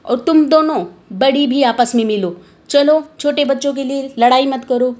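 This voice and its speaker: A woman voicing a gentle old grandmother. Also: high voice, normal speed. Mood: admonishing. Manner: soothing, admonishing. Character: gentle elderly grandmother, peacemaker.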